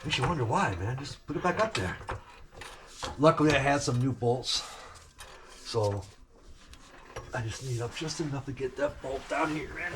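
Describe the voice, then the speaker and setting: A man's voice: mid-range voice, lively intonation, moderate pace, pauses often. Chatty man working in a noisy garage. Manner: chatty, talks while wrenching under the car. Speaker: car restoration vlogger. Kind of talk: casual talk to camera while working. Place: home garage. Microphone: camera mic, no clip-on mic. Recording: noisy garage with tool clicks.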